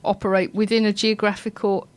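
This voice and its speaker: A woman hosting a radio show, chatty and giggly, with a self-deprecating, warm-hearted way of talking. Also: mid-range voice, flat delivery, fairly quick. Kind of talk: casual radio chat.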